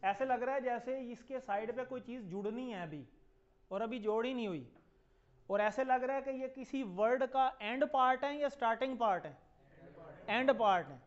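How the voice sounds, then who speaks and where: A man teaching a classroom lesson, patiently repeating words slowly for his students to echo back. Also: extremely high pitch, lively intonation, lo-fi sound. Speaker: Arabic teacher.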